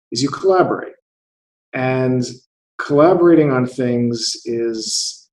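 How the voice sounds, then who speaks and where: A man's voice: medium pitch, roomy sound, low-quality recording. Reflective man in his fifties. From United States. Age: 50s. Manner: reflective, repeats words while thinking. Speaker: guest, theatre investor. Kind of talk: conversational interview.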